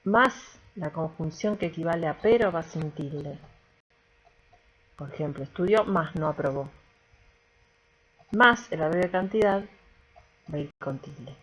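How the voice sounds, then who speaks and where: A woman's voice: low voice, measured pace, long pauses, husky, poor audio. A woman teacher giving a recorded grammar lesson, explaining patiently step by step and often checking in with the class.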